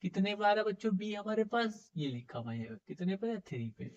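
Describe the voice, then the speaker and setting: A man's voice: sits high, big pitch swings, moderate pace, a little mellow. Muffled male teacher coaxing his class. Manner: coaxing, asks the class questions and repeats answers. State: voice slightly heavy from being unwell. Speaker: chemistry teacher. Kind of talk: classroom lecture to students. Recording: dull, muffled lo-fi sound.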